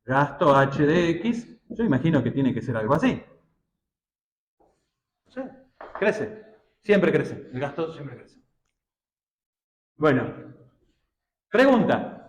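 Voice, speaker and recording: A man's voice: on the high side, very animated, slow pace, pauses often, roomy sound, slight background noise, low-quality recording. A man with an Argentine Spanish accent teaching a math class, constantly asking his students questions and checking that they follow. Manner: questioning, checks understanding often, colloquial.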